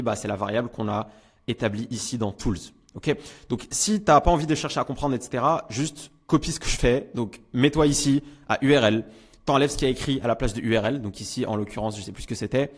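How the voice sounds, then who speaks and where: A young man giving a casual screen-share software tutorial, talking informally with many fillers and frequent check-ins. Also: medium pitch. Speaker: online business coach.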